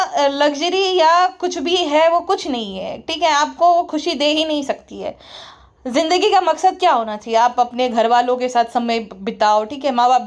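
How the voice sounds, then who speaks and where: A woman doing a casual commentary vlog, blunt and scornful, lecturing her viewers. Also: high-pitched. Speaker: YouTube commentator.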